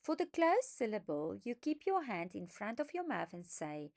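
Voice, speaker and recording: Narrating a phonics lesson for young learners, a woman who trains phonics teachers uses a slow, emphatic, deliberate teaching voice and stresses every sound as she sounds out words. Her mid-range voice is sing-song and somewhat dark in tone.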